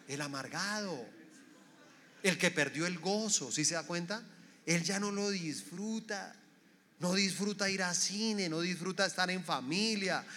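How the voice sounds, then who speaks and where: A man's voice: sits high, pushed and bright, long reverb tail. A man preaching a sermon, firing off rhetorical questions at the congregation and acting out the voices of the people in his stories. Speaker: pastor.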